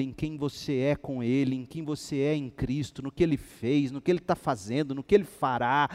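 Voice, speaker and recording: A male pastor delivering a sermon in an animated storytelling manner, bringing the people in his stories to life. His voice sits somewhat high for a man. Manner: animated storytelling, acting out dialogue.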